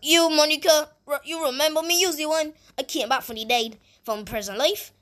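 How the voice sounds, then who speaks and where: A woman's voice: high-pitched, normal speed, a bit bright. A woman voicing a stern guard who bluntly taunts a prisoner. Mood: taunting.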